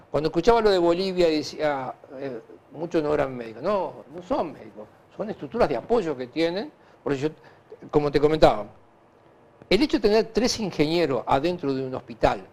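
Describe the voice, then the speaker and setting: Man, Uruguayan Spanish accent, slightly high pitch, very lively intonation, halting, repetitive, conversational interview guest. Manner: animated, halting and repetitive, with frequent filler tags. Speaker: interview guest, hospital director. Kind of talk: conversational interview answers, anecdotal.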